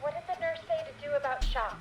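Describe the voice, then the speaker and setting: An actress voicing a calm young woman coordinating an emergency in a steady, businesslike way. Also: high-pitched, quick pace, recorded from a distance, over a noisy crowd, lightly acted, rough recording. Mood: focused. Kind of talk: video game voice acting.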